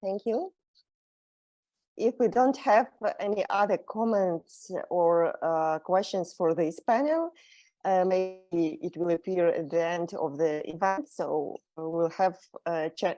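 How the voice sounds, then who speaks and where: A woman's voice: lowish voice, a little slow, dark tone, no room sound. A woman hosting an online panel, brief and plain as she hands over to the next speaker over a video call. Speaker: event host.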